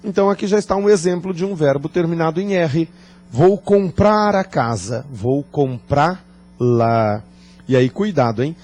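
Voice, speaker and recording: A man teaching a grammar lesson, talking deliberately, joking and quizzing his class. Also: fairly high pitch, a little mellow. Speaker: Portuguese teacher.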